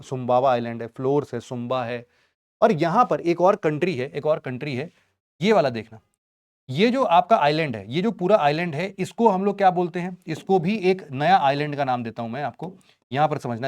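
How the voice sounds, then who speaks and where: A man's voice: fairly high pitch, a little mellow. A man teaching a geography lesson in Hindi, casually quizzing his students with rhetorical questions and jokes. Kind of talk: online exam-prep lecture.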